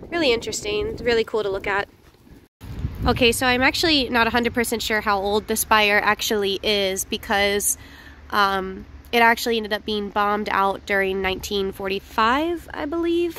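A woman vlogging casually while walking outdoors through an old town, chatty and slightly hoarse, with lots of fillers. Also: medium pitch, fairly bright tone, a little hiss or hum. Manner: chatty, laughs often, hesitant fillers. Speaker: travel vlogger.

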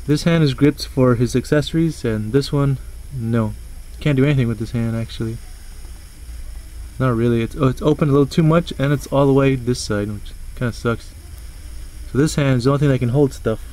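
A man's voice: medium pitch, a little fast, warm tone, poor audio. Easygoing man rambling through a toy review. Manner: rambling, swears casually, stumbles over words.

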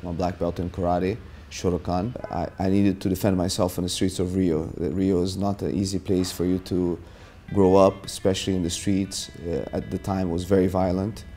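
A Brazilian jiu-jitsu instructor in his forties gives a documentary interview inside a martial arts gym, soft music playing underneath. His deep voice is mellow and fairly even. He speaks haltingly, with many filler sounds.

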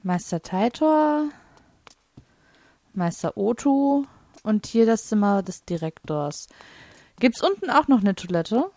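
A woman's voice: mid-range voice, animated, measured pace, mellow, no echo. A woman casually commenting on her own gameplay. She thinks aloud, laughs a lot and makes wry, teasing remarks. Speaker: let's play host.

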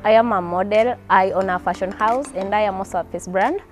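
A soft-spoken Kenyan woman in her twenties, politely questioning men on a dating show in a TV studio. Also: mid-range voice, a little fast, faint music behind. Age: 20s.

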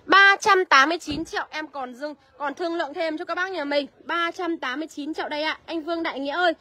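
A woman selling used cars on a live walkaround, listing prices briskly and calling out to viewers by name. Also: high voice, bright, forceful tone. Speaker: used car seller.

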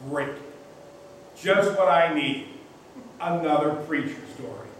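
A man's voice: on the high side, slow pace, slight background noise. A man voicing a weary middle-aged professor who grumbles under his breath. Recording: echoey church from a distance.

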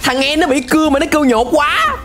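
A young adult man with a southern Vietnamese accent reacts to a cartoon as he watches, giving casual, animated commentary full of exclamations. His voice is very high-pitched and fairly quick. He streams from an indoor room on a close desk microphone with a headset on, with music playing behind him.

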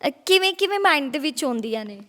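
A woman's voice: high-pitched, big pitch swings, fast, fairly bright tone, long reverb tail. A woman interviewing a guest, asking probing and teasing questions in a casual way.

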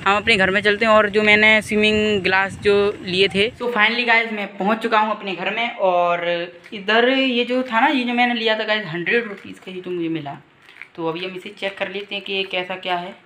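High-pitched and steady, this teen vlogger speaks at a normal pace in a pushed, bright voice with a Hindi accent. Recorded on a phone held at arm's length in a room at home and out on a motorbike, he's chatty and keeps calling out to "guys," with a little background noise.

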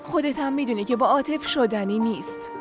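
A woman's voice: a little high, lightly acted. A woman dubbing a frank young sister. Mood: earnest. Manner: earnest, frank, teasing. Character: young woman confiding in her older sister. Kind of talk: Persian dub of a TV drama. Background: music score.

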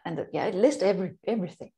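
Creaky-voiced woman co-hosting a chat. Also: fairly low pitch, fast talker, mellow. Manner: rambling, laughing, self-correcting. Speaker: co-host. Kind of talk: casual podcast chat.

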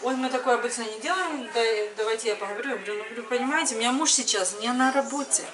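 Talking very fast in a slightly high voice, the thirty-something mom vlogger chats to camera and recounts everyday conversations. It's filmed in her kitchen and then another indoor room, with the camera a little way off and the room noisy.

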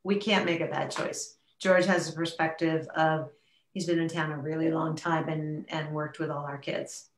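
A woman with a low voice chairs a town board meeting, halting and filling pauses as she goes. Her voice sits in a roomy, echoing space, as heard on a remote video call. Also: fairly even intonation. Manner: halting, with many fillers and restarts. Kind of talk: public meeting discussion.

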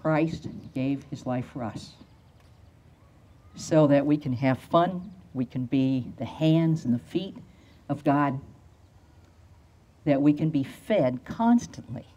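An older woman pastor preaching a storytelling sermon outdoors at a lectern into a handheld mic, slowing down to stress key phrases. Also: low-pitched, warm tone, highs cut off. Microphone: handheld microphone.

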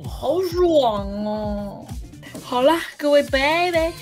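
A woman's voice: high voice, lively intonation, slow pace, darkish tone, faint music behind. A woman chatting casually and playfully with friends while playing a game, giggling often. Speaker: gaming co-player. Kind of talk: casual chat during live gameplay.

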